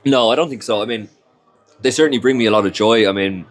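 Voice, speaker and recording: Faint music plays behind this young man from Ireland, an Irish-first-language speaker who chats loosely in an interview full of "you know" and "like" fillers. His pitch is fairly low and his pace quick.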